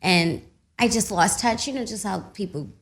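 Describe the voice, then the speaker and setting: A young woman, an actress guest, chatting casually in a radio studio and telling animated stories with laughter. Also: medium pitch, normal speed. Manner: animated storytelling, laughing, loud when excited. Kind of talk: casual radio interview chat.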